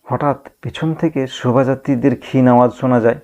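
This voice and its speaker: A man teaching a literature lesson in a gravelly, mid-pitched voice, pausing with hums and restarting his sentences as he explains. The sound is thin and narrow, as if it came over a phone line. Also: steady tone, warm tone. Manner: thinking aloud with frequent hums and restarts. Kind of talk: reading and explaining a play in a lesson. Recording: tinny phone-like audio.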